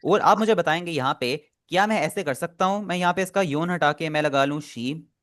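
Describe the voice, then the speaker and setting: A man's voice: fairly high pitch, a little fast, fairly bright tone. Patient man teaching a language class. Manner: patient, repeats and explains step by step.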